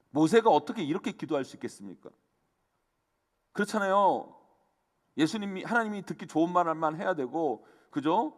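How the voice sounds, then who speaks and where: A man, the senior pastor, preaching a fervent sermon and addressing the congregation again and again. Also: on the high side. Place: church sanctuary. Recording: long church hall reverb.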